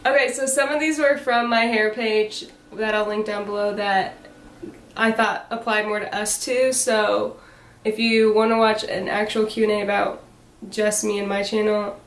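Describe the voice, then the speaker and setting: A woman's voice: medium pitch, steady tone, normal speed, recorded from a distance. A woman in her twenties from Indiana, chatting in an upbeat, talkative way on a home vlog. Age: 20s. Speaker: vlogger, hairstylist. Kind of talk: casual chat. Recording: roomy home video, a bit off-mic, faint noise.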